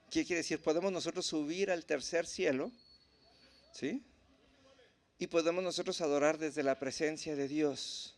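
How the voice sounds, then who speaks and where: A man teaching at a church in a relaxed, conversational way, often checking in with the congregation. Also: fairly high pitch. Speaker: preacher.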